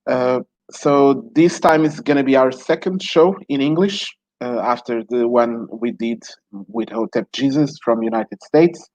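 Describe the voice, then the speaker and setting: A Mozambican man whose first language is Portuguese hosts an online talk show hesitantly, with lots of fillers and restarts. His medium-pitched voice is expressive, a little slow and slightly mellow, in a muffled recording with no echo.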